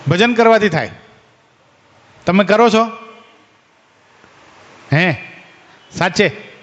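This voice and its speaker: A man's voice: high-pitched, lively intonation, drawn-out words, long reverb tail, dull audio. A man preaching a devotional talk to a gathering, quizzing and teasing listeners by name. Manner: questions and teases listeners by name.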